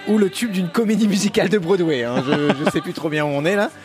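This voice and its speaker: A man co-hosting a casual football podcast, quick and joking, laughing often in front of a small live audience. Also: sits high, music in the background. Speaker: co-host.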